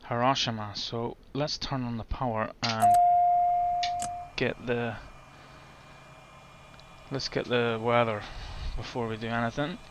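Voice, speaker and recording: A man's voice: mid-range voice, fairly even intonation, slow, long pauses, very noisy. A man giving casual, chatty commentary as he sets up a flight in a simulator, thinking aloud as he goes. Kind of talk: casual commentary while gaming.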